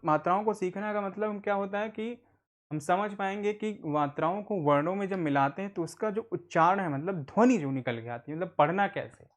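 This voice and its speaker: Patient man teaching reading. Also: sits high. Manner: patient, repetitive, asks and answers own questions. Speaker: adult literacy teacher. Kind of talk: online Hindi reading lesson.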